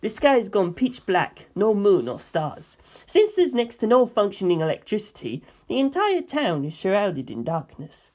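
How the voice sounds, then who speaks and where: For a story reading, a woman voices a composed male mafia member who dodges questions with dry, matter-of-fact calm at a measured pace. Her voice is mid-range and a little mellow, with big swings in pitch.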